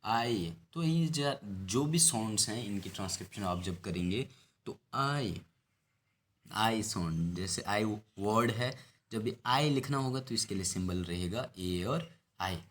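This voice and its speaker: Low-voiced man teaching phonetics. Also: expressive, a little hiss or hum. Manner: explains slowly, repeats and stretches example words. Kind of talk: phonetics lesson.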